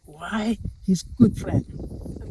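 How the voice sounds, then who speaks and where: A man, a safari field guide from South Africa, telling a folk tale outdoors in the bush as an animated storyteller. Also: high voice, slow pace. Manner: animated storyteller, many fillers. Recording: loud outdoor noise, bush sounds.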